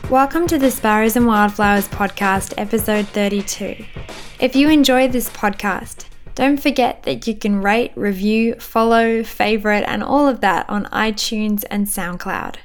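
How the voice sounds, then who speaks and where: A woman's voice: mid-range voice, measured pace, faint music behind. A woman hosting a faith podcast, reading the intro and asking interview questions. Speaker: podcast host.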